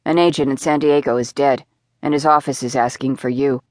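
A woman's voice: rumbling low, fairly even intonation, a little fast, darkish tone, no room sound, clean studio sound. A woman voicing a curt FBI supervisor who speaks in a terse, businesslike way.

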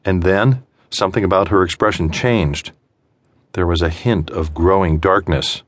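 Reading suspense fiction for an audiobook, this man has a low-pitched voice and a clean sound with no echo. He phrases things deliberately and with measure, using pauses for dramatic effect.

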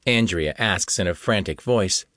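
A man narrating a detective audiobook in a steady, measured way. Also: deep voice, dry recording, studio quality. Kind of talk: scripted narration.

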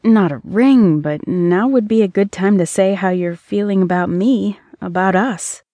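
A woman's voice: mid-range voice, a little slow, mellow, dry recording, close to an everyday voice. A woman voicing a hopeful, romantic young woman in an audiobook, speaking earnestly and pleadingly.

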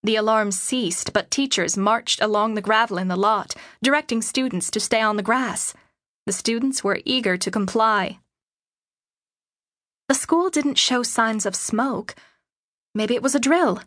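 A woman narrates a novel in the first person, measured and steady. Her voice sits fairly high and the studio recording is dry and close. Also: no room sound. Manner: measured, storytelling. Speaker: audiobook narrator.

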